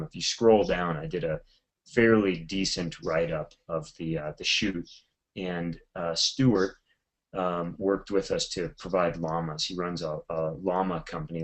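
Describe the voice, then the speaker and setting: Deep-voiced man telling a story. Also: low-quality recording. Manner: animated storyteller, many fillers and restarts. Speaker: photographer guest. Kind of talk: casual storytelling in a webinar.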